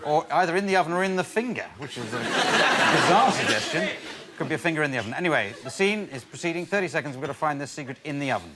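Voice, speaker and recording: Higher-pitched male comedy show host. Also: animated, fast. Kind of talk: unscripted comedy game show presenting. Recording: live studio with crowd and noise.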